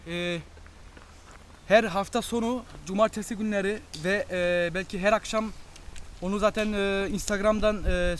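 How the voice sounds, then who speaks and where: A man's voice: high-pitched, a bit bright. A man vlogging, chatting casually to the camera and bantering with a friend outdoors. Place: outdoors near a waterfall stream. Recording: noisy outdoor camera recording.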